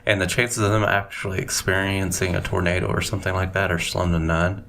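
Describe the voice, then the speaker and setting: Low drawling man. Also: level tone, fairly quick, creaky, fairly bright tone. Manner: drawling, loose and meandering, folksy grammar. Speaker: podcast co-host. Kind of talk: casual chat.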